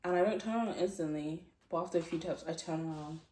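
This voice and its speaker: A woman's voice: deep voice, quick pace, darkish tone, a little hiss or hum. Giggly young woman, echoey distant mic. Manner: giggly, rambling, lots of fillers. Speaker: vlogger. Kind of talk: casual storytelling.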